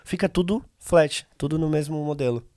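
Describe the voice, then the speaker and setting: Speaking with a Brazilian Portuguese accent, this male podcast guest, the CEO of a voice company, explains things conversationally with practical examples in an interview setting. His voice sits a little high, has a darkish tone, and keeps a moderate pace. It is recorded in studio quality with no echo.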